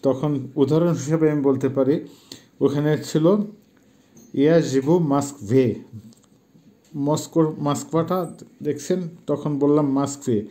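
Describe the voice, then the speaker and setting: A middle-aged man gives a language lesson, speaking patiently and haltingly and slowly repeating words so they can be pronounced. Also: fairly high pitch, fairly even intonation, mellow. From Bangladesh. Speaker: language teacher.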